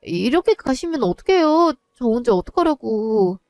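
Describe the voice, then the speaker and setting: A woman's voice: on the high side, animated, moderate pace, darkish tone, dry recording, clean studio sound, soft background music, lightly acted. A woman voicing a distraught young wife and daughter who pleads and cries out in a one-voice audio drama. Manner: pleading, rising to anguished cries.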